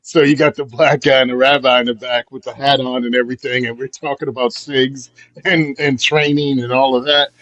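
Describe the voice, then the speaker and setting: A man's voice: medium pitch, little pitch movement, a little fast, a bit bright, no echo, highs cut off. A man with a mid-range voice co-hosts a podcast in a dry, close recording. He speaks bluntly and with emphasis, now and then musing aloud and chuckling. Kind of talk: casual podcast chat.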